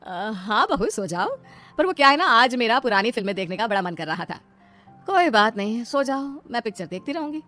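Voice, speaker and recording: A woman's voice: a little high, very animated, a little fast, bright, forceful tone, faint music behind. A woman voicing a kindly, indulgent mother-in-law in a comic skit, soothing and reassuring. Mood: gentle.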